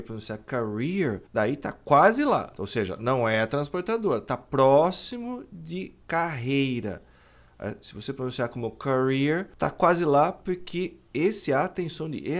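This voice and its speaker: A man with a Brazilian accent teaches English pronunciation, slowing down and stretching words to model each sound. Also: fairly high pitch. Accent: Brazilian Portuguese. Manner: explains slowly, drawing out words to model pronunciation. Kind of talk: pronunciation lesson.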